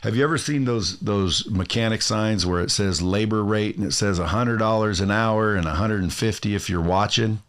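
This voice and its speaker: A man hosts a studio podcast interview in a slightly low voice. He talks in a brash, excitable way and swears freely as he pushes the conversation along. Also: moderate pace, few pauses. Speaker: podcast host. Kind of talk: casual interview.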